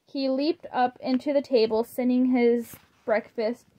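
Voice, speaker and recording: A woman reading a children's storybook aloud in a gentle, deliberate way, with a few small slips. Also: high voice, steady tone. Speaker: storybook reader.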